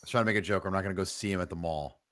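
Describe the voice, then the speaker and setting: Male player, low-pitched, quick, wisecracking banter. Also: a bit bright. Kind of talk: casual tabletop chat.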